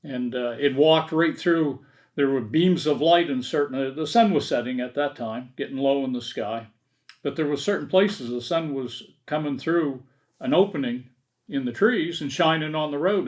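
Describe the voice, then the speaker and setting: A man's voice: fairly high pitch, lively intonation, moderate pace. Man, podcast guest, casual chat, lots of "yeah", repeats phrases. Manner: frequent short affirmations, repeats himself. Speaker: podcast guest and hunting partner.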